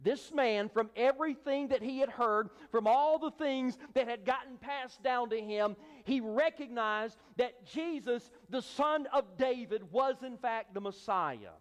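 A man's voice: very high-pitched, a little slow, hardly any pauses, big-room sound. A man preaching a sermon as pastor, emphatic, acting out voices of a crowd. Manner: emphatic preaching, acts out the crowd's hushing in a raised voice. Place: church sanctuary.

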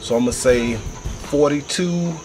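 A man's voice: fairly high pitch, slow pace, noisy background. Man talking around a cigar. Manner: hyped, chatty, repeats himself. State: cigar in mouth. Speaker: cigar reviewer. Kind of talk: casual vlog commentary.

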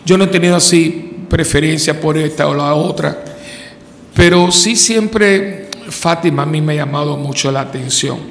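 A man's voice: fairly high pitch, moderate pace, vocal fry, a little hiss or hum. A man, a priest, telling a personal story in a loose conversational homily, rambling along and lifting his voice to quote others. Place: church. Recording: long church reverb.

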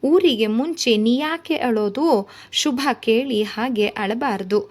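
A woman reading aloud voices a brisk, practical middle-aged mother who scolds her daughter for crying. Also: on the high side. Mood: chiding. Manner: chiding, dismissive of tears.

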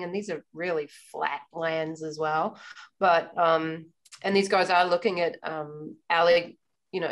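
A woman answering as a panelist over a video call, explaining with some hesitations. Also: on the low side. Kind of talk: online expert panel talk.

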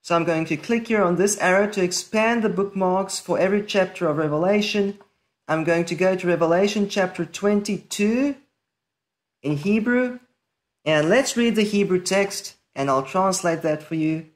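A woman teaching a screen-share Bible lesson, reading Hebrew aloud and translating it word by word in a calm, deliberate, explanatory way. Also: on the low side.

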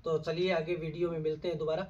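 A man's voice: a little high, little pitch movement, fast talker, darkish tone, lo-fi sound. A young man chatting casually to a phone camera inside a poultry shed, explaining his setup with frequent hesitations. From Haryana, India. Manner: conversational, explanatory, many hesitations. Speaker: poultry farmer vlogger. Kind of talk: casual farm vlog talk to camera. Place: large indoor poultry shed with chicks. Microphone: phone camera held close or at arm's length. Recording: phone video with clear chick chirping behind.

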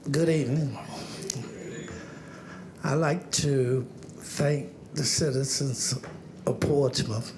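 A man speaking as a new councilman, giving a plain-spoken public speech in short, halting phrases. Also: mid-range voice, steady tone, noisy background. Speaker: newly sworn city councilman.

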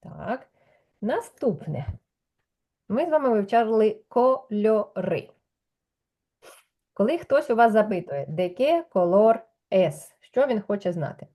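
A woman's voice: on the high side, sing-song, measured pace, long pauses, dark tone. A woman teaching Spanish in a patient one-on-one lesson, explaining step by step and checking with questions.

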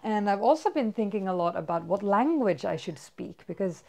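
A woman in her thirties with a Swedish accent, originally from Sweden, vlogs about fitness in a bedroom with toys, chatting upbeat and casually with many fillers. Her mid-range voice is expressive, creaky and dark at a moderate pace, picked up by a far camera indoors.

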